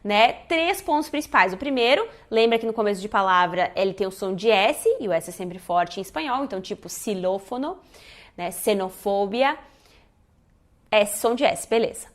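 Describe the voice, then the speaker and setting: A woman's voice: medium pitch, brisk, few pauses. A woman, teaching a casual pronunciation lesson and modeling sounds as she goes. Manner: lively, demonstrates sounds, says "né?" often. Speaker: Spanish teacher.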